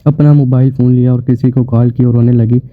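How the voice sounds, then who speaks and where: A man narrating a dramatic story in an even, unhurried reading voice. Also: mid-range voice, no room sound. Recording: tinny phone-like, dry sound.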